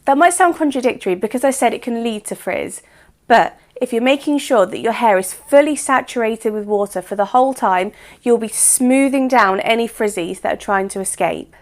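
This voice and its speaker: A woman with a croaky voice, chatting to camera in an instructive hair-care vlog. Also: a little high. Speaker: hair vlogger. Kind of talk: explanatory beauty vlog talk.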